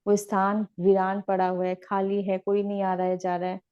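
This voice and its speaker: A woman teaching meditation in a gentle, repetitive, instructive way. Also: medium pitch, monotone, normal speed, clean tone, highs cut off. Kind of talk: guided spiritual teaching.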